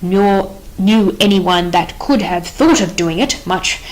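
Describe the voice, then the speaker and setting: A woman reading the part of a nervous, rambling male soldier in an audiobook play, anxious and excitable in manner. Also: medium pitch, slow, lightly acted, poor audio. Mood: excited.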